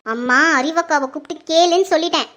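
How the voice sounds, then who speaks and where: A cheeky young daughter impatiently talks back to her mother, as a performer puts her on. Her voice is high and bright, and her delivery is blunt in this homemade family skit. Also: fast. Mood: defiant. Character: defiant young woman defending her sister. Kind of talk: home-made Tamil family skit acting.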